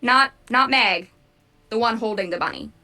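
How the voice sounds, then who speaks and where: A woman game master narrates a tabletop session, pausing on fillers as she describes the scene. Her voice sits a little high and sounds set back from the microphone, with soft music playing underneath. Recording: distant mic. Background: faint background music.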